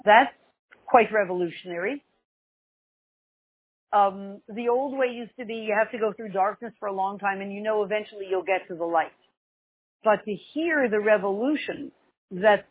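A woman's voice: mid-range voice, slightly rough, no echo. An older woman giving an informal religious lesson, conversational and wryly joking, repeating phrases for emphasis. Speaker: religious teacher and class host. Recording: tinny, narrow phone-like sound.

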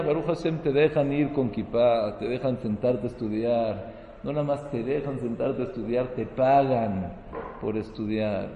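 A man's voice: medium pitch, dark tone, echoey room, long reverb tail, a little hiss or hum, low-quality recording. A man giving a sermon as a rabbi, mixing Hebrew terms into his talk and building to emphatic, rising peaks.

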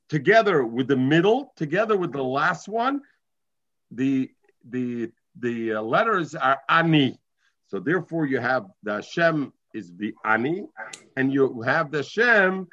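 A man's voice: on the high side, fairly bright tone, lo-fi sound. A man with a Yiddish-inflected accent teaching an informal Talmud lesson, reading and explaining, often repeating and restating phrases. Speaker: religious teacher.

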